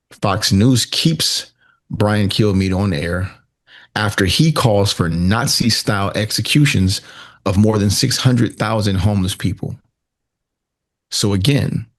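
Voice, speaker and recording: A man delivering a scripted political exposé as a commentator, sardonic and pointed, with deliberate rhetorical phrasing and dramatic pauses. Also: lowish voice, vocal fry.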